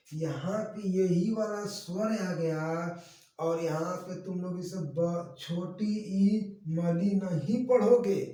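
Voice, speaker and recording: A man teaching children to read, drawing out his words in a slow, sing-song way and answering his own questions in the voice of a pupil. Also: a little high, warm tone. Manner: slow, drawn-out sing-song teaching voice, speaks both sides of a pupil dialogue. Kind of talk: Hindi reading lesson for children. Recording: echoey room, voice from a distance.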